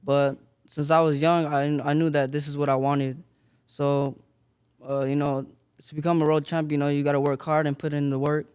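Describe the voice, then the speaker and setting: Smooth-voiced young man, flat delivery. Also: a little high, moderate pace. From Las Vegas, Nevada. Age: young adult. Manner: modest, short answers with many fillers. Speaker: boxer guest. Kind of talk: casual interview answers.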